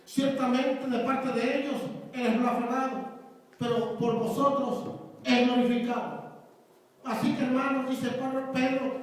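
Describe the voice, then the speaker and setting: A man preaching as a pastor, moving between forceful loud passages and soft quiet ones. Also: very high-pitched. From Mexico. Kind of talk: sermon. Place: large church hall. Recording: echoey church hall from far off.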